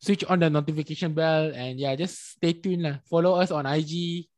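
A young man chats loosely on a podcast, tossing in jokes and Malay particles. His voice is slightly high for a man, and his manner stays relaxed. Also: moderate pace, no echo. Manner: joking, easygoing, uses Malay particles. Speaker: podcast co-host. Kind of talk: casual chat.

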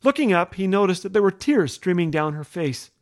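A man from Canada hosting a radio show, telling humorous stories in a gentle, wry way. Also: high-pitched, sing-song, brisk. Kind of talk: humorous scripted storytelling. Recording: faint music underneath.

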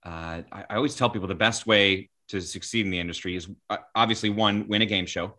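A man in his forties, a sports broadcaster, telling stories in a podcast interview, animated and full of restarts. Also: on the low side, quick pace. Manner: animated, acts out quoted voices, many restarts.

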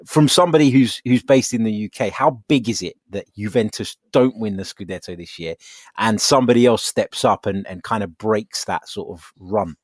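A man hosting a football podcast, introducing guests and asking them questions in an animated, chatty way. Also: on the low side, moderate pace, no echo. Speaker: podcast host.

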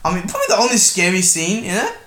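A man, co-hosting a casual film review podcast, animated and sarcastic, acting out quotes. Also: sits high, racing. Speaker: podcast co-host. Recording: echoey room with faint noise.

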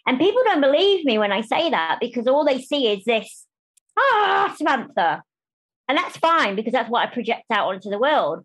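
Animated woman, candid interview guest. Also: a little high, breathy edge, rough recording. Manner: animated, restarts phrases, acts out quoted voices. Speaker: podcast guest.

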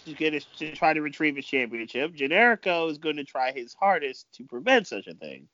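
A man giving improvised amateur wrestling commentary, speaking haltingly and often repeating himself. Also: on the high side, big pitch swings, sharp tone, no echo, highs cut off.

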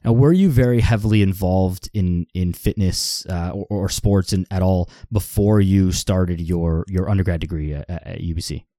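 A Canadian man hosts a podcast in a low, dark voice, asking questions at a moderate pace with few pauses in easygoing conversation. He often repeats words as he gathers his thoughts and laughs along. The studio-quality recording has no echo.

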